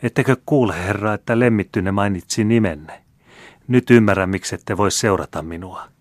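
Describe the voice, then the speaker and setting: Teasing young french marquise, read by a man, playful, deep low voice lifted a little, dry close audiobook sound. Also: no room sound, natural voice. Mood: jealous sharp.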